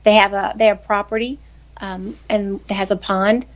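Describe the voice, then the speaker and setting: A woman from Southern Indiana, chatting as a guest on a talk show, upbeat and quick to laugh. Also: medium pitch, flat delivery. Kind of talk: casual chat.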